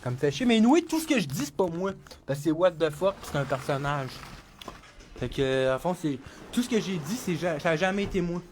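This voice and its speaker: A man's voice: fairly high pitch, very animated, brisk, slight background noise. A man with a Québécois French accent, a rapper chatting casually on a livestream and freestyling, rambling and swearing often.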